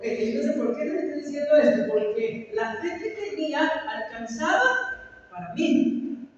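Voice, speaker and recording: High-voiced pastor preaching in an echoey hall. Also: male voice, a little mellow. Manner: calls for amens, preaching with rising emphasis. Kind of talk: sermon. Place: church hall. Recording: echoey hall, voice from far off, dull sound.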